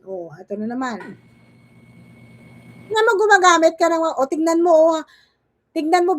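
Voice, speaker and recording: A woman with a high voice talks slowly through a reaction stream, mocking and scolding someone she is watching. She keeps asking "okay?" and "ha?" in a teasing tone. The sound is dry and close. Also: no echo. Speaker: vlogger reacting to another streamer.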